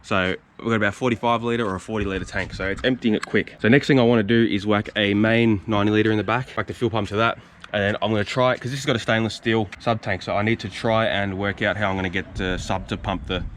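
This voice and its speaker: A man's voice: fairly low pitch, fairly even intonation, fast, fairly bright tone, a little hiss or hum. A young man vlogging casually from his driveway, rambling and openly emotional, with many restarts. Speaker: car vlogger. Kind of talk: casual vlog to camera. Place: home driveway, outdoors.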